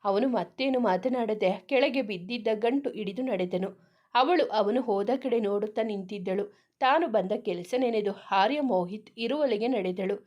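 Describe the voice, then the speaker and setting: A woman narrating a serialized story in a steady, even reading voice. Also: medium pitch, normal speed.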